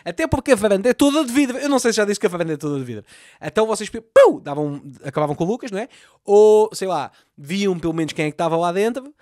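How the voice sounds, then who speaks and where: A Portuguese man with a Lisbon accent, a comedian recapping a TV series with crude, sarcastic and animated commentary, acting out the characters. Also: sits high, fast talker, no echo, studio quality. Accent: European Portuguese, Lisbon. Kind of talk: comic commentary.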